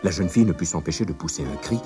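A man narrating a fairy tale in an expressive, dramatic reading. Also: low-pitched, racing, music in the background. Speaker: storyteller.

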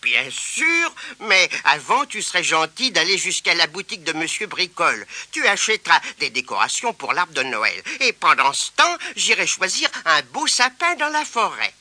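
Storybook granny, old, kindly, fussy, high bright voice, played by a man. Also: big pitch swings, normal speed, few pauses, dry recording, heavily acted. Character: kindly old grandmother baking Christmas cake.

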